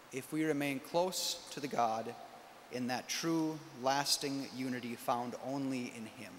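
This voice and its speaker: A man, a priest, giving a homily and leading prayers in a measured, solemn way in a large church. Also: mid-range voice. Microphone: far camera. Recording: long church reverb, faint noise, far camera.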